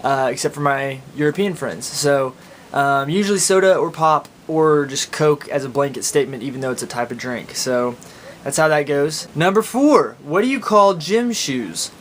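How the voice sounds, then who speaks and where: Higher-voiced Oklahoma man, casual vlogger. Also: normal speed. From Oklahoma, United States. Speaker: video blogger. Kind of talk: casual chat to camera, answering accent tag questions. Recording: steady background noise with low rumble.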